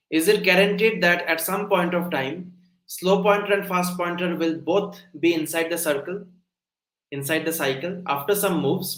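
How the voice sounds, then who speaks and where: A man's voice: fairly high pitch, fairly bright tone, reverberant, poor audio. A young man giving a live online coding lecture, explaining step by step and often checking whether listeners follow. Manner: explanatory, asks frequent check-in questions. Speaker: coding instructor.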